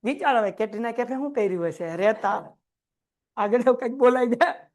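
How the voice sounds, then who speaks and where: A man teaching a class, lively and joking as he quizzes his students. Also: extremely high pitch, a little fast. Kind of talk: classroom lecture.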